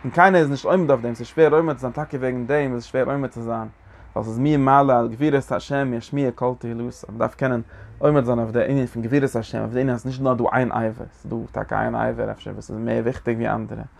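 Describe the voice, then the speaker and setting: A man teaching a lecture on a religious text, talking in halting phrases that he often repeats and restarts. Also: medium pitch, steady tone, vocal fry.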